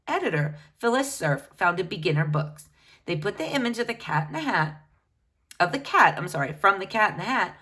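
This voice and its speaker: Reading a biography book to children, a woman with a low-leaning, fairly bright voice takes a teacherly tone and stresses her points clearly.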